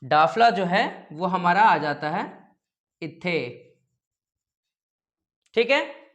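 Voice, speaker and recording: A male teacher from India walks students through a geography lesson at an unhurried, slow pace. His delivery is playful and peppered with joking memory tricks, and he keeps pausing to check that everyone follows. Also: high-pitched, expressive, fairly bright tone, dull audio. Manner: often checks in with "okay?".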